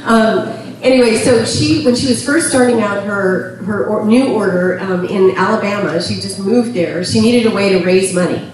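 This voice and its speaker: A middle-aged woman giving a chatty talk to an audience, laughing often and filling pauses with ums. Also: mid-range voice, a crowd in the background. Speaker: speaker on temperament. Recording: echoey room from far off.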